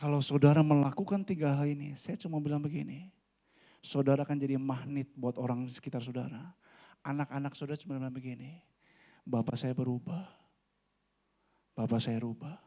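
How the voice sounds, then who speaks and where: A man's voice: mid-range voice, steady tone, quick pace, dark tone. A man in his forties preaching a sermon in a church, talking animatedly and often addressing the congregation directly. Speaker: pastor. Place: church hall.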